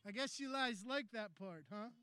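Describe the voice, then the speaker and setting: A man preaching a sermon, telling the story conversationally and building to shouted climaxes. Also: high voice, expressive, normal speed. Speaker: pastor.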